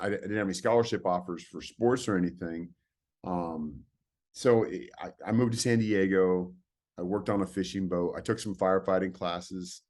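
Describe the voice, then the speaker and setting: A deep-voiced man in his forties, originally from California, talking as a podcast guest. He rambles through his stories in a relaxed way and often stops to restart a sentence. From California, USA. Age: 40s. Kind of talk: casual storytelling.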